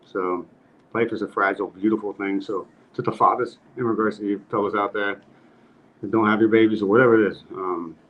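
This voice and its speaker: A man's voice: fairly low pitch, fairly even intonation, fairly quick. A man hosting a casual podcast chat, earnest and rambling, laughing at his own jokes. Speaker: podcast host. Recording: slightly muffled with faint noise.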